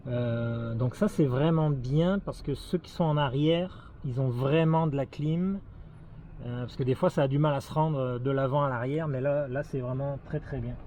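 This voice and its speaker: A warm, mid-range male voice at a moderate pace. A Québécois French-accented man in his thirties, a travel vlogger, casually shows off his new car and explains its features, often hesitating with fillers and restarts. Noisy outdoor sounds and vehicles fill the background.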